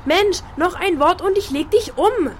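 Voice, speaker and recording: A woman's voice: a little high, moderate pace, a little hiss or hum, lightly acted. A woman playing a young girl in a radio play who reads a detective comic aloud dramatically and snaps at interruptions. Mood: irritated. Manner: dramatic read-aloud, snappish asides.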